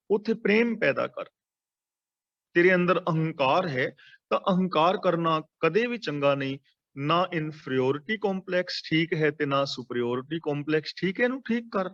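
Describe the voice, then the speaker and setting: An earnest man giving a Sikh religious discourse, his voice sitting a little high. He repeats key lines for emphasis. The recording is dull and lo-fi. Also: fairly bright tone. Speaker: Sikh preacher. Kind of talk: Gurbani discourse.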